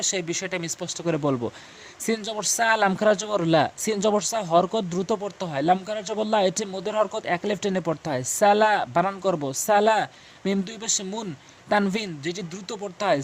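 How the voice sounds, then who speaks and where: A man with a high voice and a Bangladeshi Bengali accent gives a spoken lesson on reading the Quran. He drills each syllable slowly and over and over. Faint noise sits under the recording. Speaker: Quran recitation teacher.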